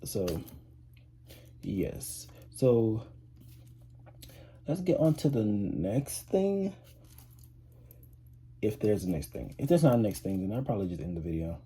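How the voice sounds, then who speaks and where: This teenage vlogger, 18 and still in high school, rambles to camera with plenty of fillers and restarts. His voice sits on the low side, warm and husky yet very animated, moving at a slow pace with long pauses.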